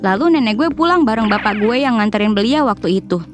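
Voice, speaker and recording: A woman's voice: on the high side, expressive, fast talker, music in the background. A woman narrating a family story in a chatty, slangy way, talking straight to her viewers. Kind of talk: casual storytime narration over mukbang video. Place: voice-over.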